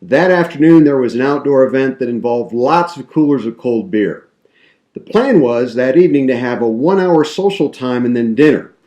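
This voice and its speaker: Mellow-voiced man in a roomy space. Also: mid-range voice, expressive, moderate pace. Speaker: professional speaker. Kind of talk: story told to camera. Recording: roomy echo.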